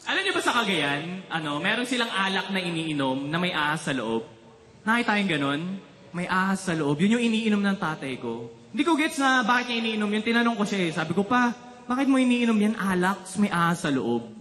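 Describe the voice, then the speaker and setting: A man from the Philippines performs stand-up comedy, telling animated stories and teasing the audience. His voice sits high and moves fairly quickly, and the sound is roomy.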